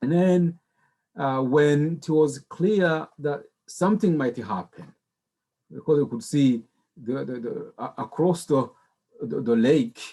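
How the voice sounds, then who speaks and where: A middle-aged man from Rwanda speaks as a panelist, his voice mellow and relaxed at an ordinary pitch. He talks in a measured, halting way and often restarts his words. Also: breathy edge. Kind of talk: personal testimony on a panel.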